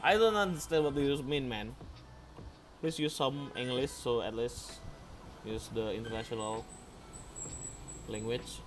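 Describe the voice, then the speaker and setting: A young Indonesian gaming streamer with a Palembang-flavored Indonesian accent chats casually on a live stream, mixing slang and English and playfully reading and reacting to viewers' chat. His medium-pitched voice moves a little slowly with long pauses, and music plays underneath.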